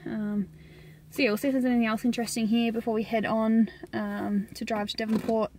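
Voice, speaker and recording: Her voice sits fairly high, with little pitch movement and a slightly mellow tone, as a young Australian woman talks fairly quickly into a phone camera held at arm's length. It's a casual travel vlog, chatty with many "like"s and laughs, filmed while walking forests and coastlines and driving, with a slight hiss or hum.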